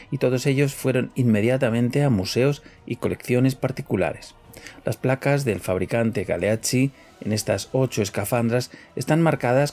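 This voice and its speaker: A man's voice: medium pitch, a little mellow. A man presenting in the style of a scripted documentary narration.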